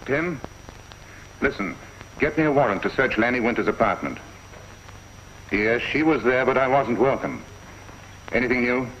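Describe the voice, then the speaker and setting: An actor playing a shrewd police inspector in a 1950s TV crime drama, measured, dry and quietly probing. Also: male voice, mid-range voice, animated, a little hiss or hum, close to an everyday voice. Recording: dull lo-fi 1950s TV soundtrack.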